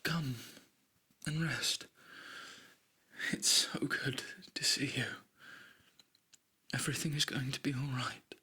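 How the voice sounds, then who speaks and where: A man voicing a tender caretaker in a breathy, hushed, comforting whispered role-play. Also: mid-range voice, fairly even intonation, takes it slowly, pauses often, exaggerated voice.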